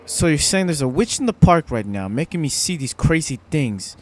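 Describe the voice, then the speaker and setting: A man with a fairly high voice rambles through a jokey let's play commentary. He jumps from one goofy aside to the next in a casual, playful way. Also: very animated, moderate pace. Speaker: gaming video host.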